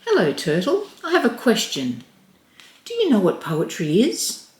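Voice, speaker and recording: A woman voicing an eager, polite young boy in a storybook read-aloud, with a bright, questioning manner. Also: mid-range voice, huge pitch swings, unhurried, pitched above the performer's own voice. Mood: curious. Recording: roomy echo.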